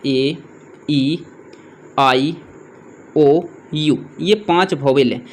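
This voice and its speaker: A man with a somewhat high voice explains English grammar like a patient classroom teacher. He spells words out letter by letter. He keeps checking that the listener is following. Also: a little mellow. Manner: repeats "ठीक है?" and "okay?" to check understanding.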